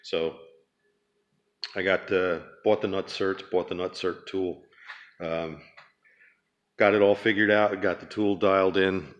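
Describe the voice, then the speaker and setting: A man with a Pennsylvania accent talks through his garage restoration work in a very deep, low register. His delivery is flat and even, loose and rambling, with frequent ums and uhs as he walks a handheld camera around the car. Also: slow pace, long pauses, lo-fi sound. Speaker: DIY car restoration vlogger. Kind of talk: casual walk-around narration.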